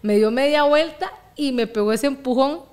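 A young woman with a Costa Rican accent, telling her story as an interview guest, lively and laughing often. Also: high-pitched, normal speed, smooth. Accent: Costa Rican Spanish. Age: young adult. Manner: animated, laughs often, acts out quoted voices. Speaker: guest, boxing champion.

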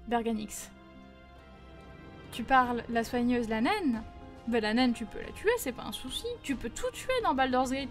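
A chatty young woman with a high, light voice talks casually to her stream audience, answering viewer messages in an animated way, with frequent fillers. Faint music plays behind her.

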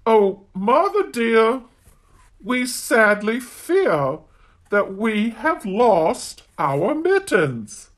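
A children's storyteller voicing a group of sad little kittens in a slow, plaintive singsong. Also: medium pitch, very animated, pitched above the performer's own voice.

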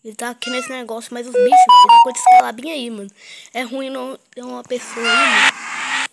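A woman's voice: fairly high pitch, brisk, vocal fry, over loud music. A woman with a Brazilian accent giving casual, chatty gameplay commentary for her channel. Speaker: gaming YouTuber. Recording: noisy mobile game recording with clicks.

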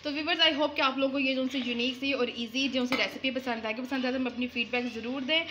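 Fast-talking high-voiced woman host. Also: fairly even intonation, sharp tone, a little hiss or hum. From Punjab. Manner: chatty, addresses viewers constantly, prompts her mother with questions. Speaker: cooking show host. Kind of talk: casual cooking-show presenting.

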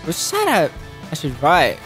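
Gameplay host, very animated pitch, unhurried delivery, squeals and giggles, begs the game in repeated bursts. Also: faint music behind. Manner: shrieks and pleads with rapid repeated words; frequent giggling. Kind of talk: excitable gameplay commentary.

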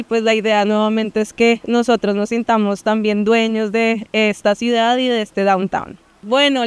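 A woman's voice: on the high side, clean tone, dry recording. A woman in her thirties from Colombia with a Colombian accent, giving an earnest interview outdoors into a handheld mic, with frequent fillers. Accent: Colombian Spanish. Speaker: interviewee, project founder. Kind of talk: on-camera interview. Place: downtown plaza outdoors.

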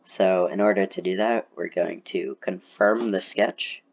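A young man with a very low, gravelly voice walks through a software tutorial at an unhurried pace. He sounds a bit sick and talks casually, full of ums and likes. The recording is dull and lo-fi. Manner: casual, relaxed, filler-heavy explaining. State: sick, slightly congested. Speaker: CAD tutorial presenter.

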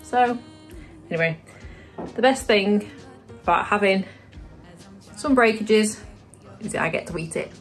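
A woman's voice: medium pitch, a little slow, pauses often, soft background music. Chatty British woman vlogging her day. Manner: chatty, talking to camera while going about her day. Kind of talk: casual vlog chat.

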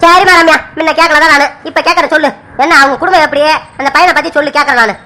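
A woman's voice: sits high, racing, pushed and bright. A woman voicing a stern middle-aged village father in a cartoon serial, who coaxes his daughter and lectures her on family honor. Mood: calm. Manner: coaxing, pressing questions, lecturing.

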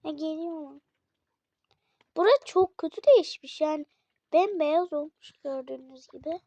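High-voiced woman in chatty game commentary. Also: moderate pace, dry recording. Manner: chatty, addresses viewers often, excitable exclamations. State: slightly unwell. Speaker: gaming channel host. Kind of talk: casual gameplay commentary. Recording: dull lo-fi dry recording.

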